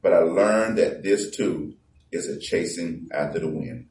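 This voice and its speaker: A man preaching a conversational sermon, reading scripture slowly and with emphasis. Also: sits low, a little mellow. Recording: echoey room from far off.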